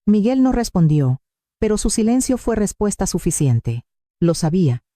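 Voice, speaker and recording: Woman, first-person story narration, very dark voice, dry close sound. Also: medium pitch, very animated, normal speed, no room sound.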